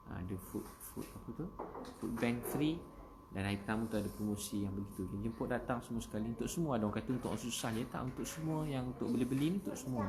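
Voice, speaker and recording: A Malaysian man with a Malay accent gives a casual religious talk on a livestream, repeating phrases and rising to loud, emphatic exhortations. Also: medium pitch, noisy background. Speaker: preacher. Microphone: phone.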